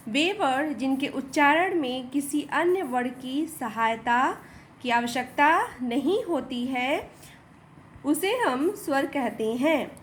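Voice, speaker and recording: A woman teacher explaining a lesson slowly and repetitively, asking the class rhetorical questions. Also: high-pitched, slight background noise.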